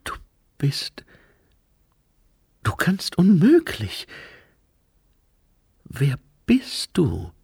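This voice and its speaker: A man voicing a sharp, questioning young woman who often drops to a breathy hush, in an audiobook reading. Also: deep voice, wildly swooping pitch, very slow, long pauses, dry recording, studio quality, pitched above the performer's own voice, exaggerated voice. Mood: tense hushed.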